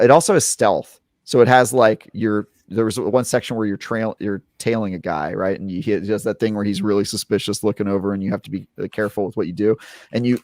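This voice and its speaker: Low-voiced man rambling through a podcast. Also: no echo, clean studio sound. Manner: rambling, filler-heavy, animated retelling. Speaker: podcast co-host, game reviewer. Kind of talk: casual podcast chat.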